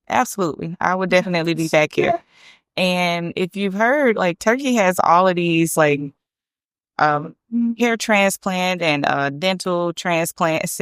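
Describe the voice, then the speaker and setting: A woman's voice: lowish voice, fairly bright tone, smooth, no echo, clean studio sound. A woman vlogging casually about travel, chatty and repeating points for emphasis. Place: hotel room.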